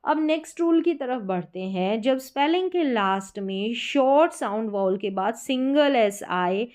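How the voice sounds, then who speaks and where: Female teacher, patient and deliberate, repeats each example word and poses questions to the learner. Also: a little high, expressive, a little mellow, smooth. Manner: slow, deliberate drilling of example words with questions to the viewer. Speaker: English pronunciation teacher. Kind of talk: classroom-style lesson explaining spelling rules.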